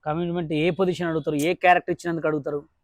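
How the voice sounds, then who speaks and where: Fast, blunt woman interviewer, Telangana Telugu. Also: deep voice, little pitch movement, no echo. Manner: blunt, repeats questions insistently. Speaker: interviewer and host. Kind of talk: informal, probing video interview.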